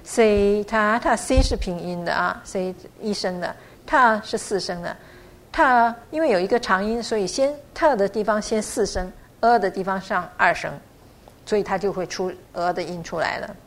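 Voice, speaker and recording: A woman teaching pronunciation, repeating syllables slowly and explaining their tones. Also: mid-range voice. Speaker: language teacher. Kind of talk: pronunciation lesson.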